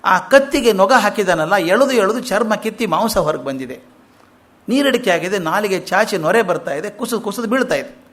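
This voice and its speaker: A man giving an animated storytelling discourse on an epic in a lecture hall, emphatic and acting out quotes. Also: high voice, moderate pace. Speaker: public speaker.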